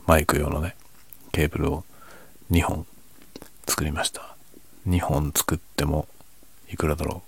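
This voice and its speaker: Late at night at home, a man hosting an audio chat talks casually and quietly, half whispering so he won't wake his sleeping family. His voice is extremely low, gravelly and husky. He uses a microphone with no windscreen, positioned slightly back from him.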